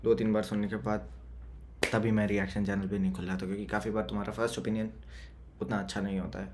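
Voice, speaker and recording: Low-voiced man reacting to music. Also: quick pace, background noise. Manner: thinking aloud, loose and excitable. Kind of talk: casual reaction commentary.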